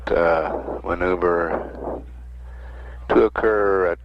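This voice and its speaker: A man giving official live mission control commentary in a halting, measured way with frequent pauses. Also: low-pitched, a little hiss or hum. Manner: halting, unscripted, with frequent mid-sentence pauses. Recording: dull lo-fi archival radio feed.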